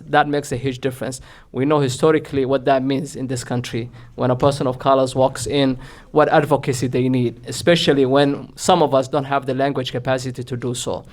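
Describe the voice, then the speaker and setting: A man's voice: mid-range voice, a little mellow. A man hosting a community event, welcoming people in an earnest speech that repeats phrases. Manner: earnest, repeats phrases, sprinkles in Somali words.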